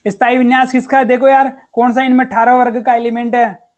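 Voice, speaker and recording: Speaking briskly in an extremely high, flat voice, a male chemistry teacher leads a relaxed online class. He is chatty and encouraging, addressing students as "beta" and "yaar," and the recording has its highs cut off.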